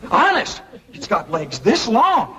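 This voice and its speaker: An actor playing a naive, earnest young country nephew in a 1960s TV sitcom, rambling eagerly with a rural Southern accent. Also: male voice, high-pitched, wildly swooping pitch, slow, in a large hall, highs cut off, full character voice. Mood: excited, earnest. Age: young adult. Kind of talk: 1960s television sitcom acting. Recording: noisy old TV soundtrack.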